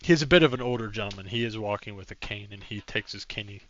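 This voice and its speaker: A man's voice: fairly low pitch, fast talker, fairly bright tone, muffled recording, slight background noise. A man narrating a tabletop game as game master, in a casual, rambling way.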